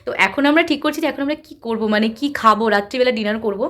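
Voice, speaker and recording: Chatty high-voiced woman vlogger. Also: very fast, fairly bright tone, no echo. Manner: chatty, addresses viewers as friends. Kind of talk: casual travel vlog narration.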